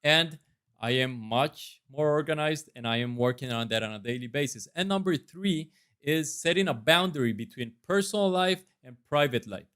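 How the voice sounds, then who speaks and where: His fairly high, slightly bright voice has lively intonation and a clean tone at a normal speed. He is a Costa Rican-accented man in his thirties from Costa Rica, earnestly and self-assuredly practicing residency interview answers on camera.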